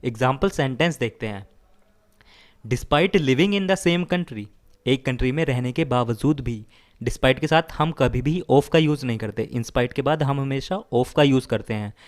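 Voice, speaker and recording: A male teacher walking learners through word roots, mixing two languages. He restates every meaning several times and checks in with a quick "right?". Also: medium pitch. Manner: explains slowly, repeats meanings, asks "right?". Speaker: vocabulary teacher. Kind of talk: bilingual vocabulary lesson.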